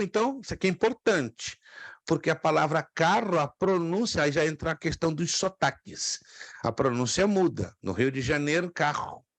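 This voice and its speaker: Patient Brazilian teacher with a dry voice. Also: male voice, fairly high pitch, no echo. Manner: explains patiently, repeats words slowly, asks the class questions. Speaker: theology teacher. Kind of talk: classroom lecture. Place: classroom with students.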